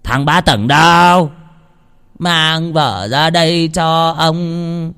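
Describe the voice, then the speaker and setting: A man's voice: on the high side, fairly even intonation, very slow, vocal fry, clear, resonant tone, pitched above the performer's own voice, exaggerated voice. Man putting on a drunken brutal bully. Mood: menacing. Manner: slurred, shouting, coarse.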